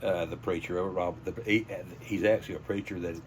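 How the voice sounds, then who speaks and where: Being interviewed, the high school sports PA announcer, an older man with a Southern US accent, shares stories in a relaxed, folksy, anecdotal way. He speaks quickly in a low, steady tone, over a little hiss or hum.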